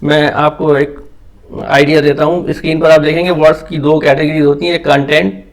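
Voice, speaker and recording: A man's voice: on the high side, level tone, fairly quick. A man teaching English pronunciation basics, explaining patiently step by step in a mix of Hindi and English.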